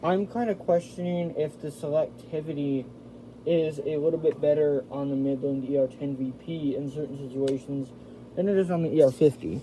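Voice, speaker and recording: A man with a mellow, somewhat high voice reviews a radio on video from inside a house, the audio poor with a little hiss or hum. He keeps it informal and hands-on, chatting right to the viewers he calls "you guys."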